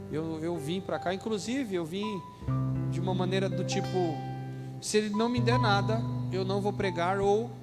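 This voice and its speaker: A high-voiced Brazilian pastor preaching live in a church hall, moving from relaxed, chatty asides to loud shouted readings of scripture. The sound has a long reverb, and music from instruments plays clearly behind him. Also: male voice. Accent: Brazilian Portuguese. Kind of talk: sermon.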